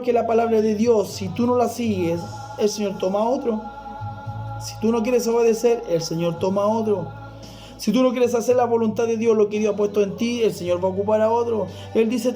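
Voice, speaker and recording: High-voiced fervent man preaching. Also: mellow. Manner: fervent preaching, often addresses listener as brother. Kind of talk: sermon.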